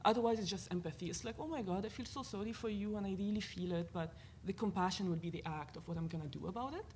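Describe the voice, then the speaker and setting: At a university panel discussion, a Lebanese-accented woman talks at a quick pace in a mid-range voice, with a faint hiss or hum in the audio. Earnest and animated, she works through her ideas aloud, leaning on filler words.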